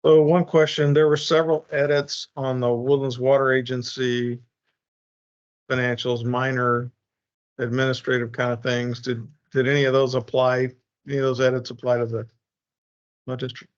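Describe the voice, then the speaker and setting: A man chairing a public board meeting, speaking procedurally and haltingly as he works through formal business. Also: medium pitch, little pitch movement. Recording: muffled, band-limited meeting recording.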